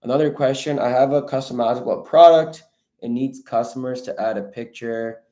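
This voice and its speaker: A livestream host with a warm, medium-pitched voice takes viewer questions at a moderate pace, coaching online sellers in a relaxed Q&A. He talks informally and calls his viewers bro and guys.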